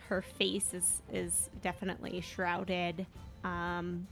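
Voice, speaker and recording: A woman's voice: lowish voice, gravelly. A woman playing a tabletop game, describing her character hesitantly with many fillers. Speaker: player.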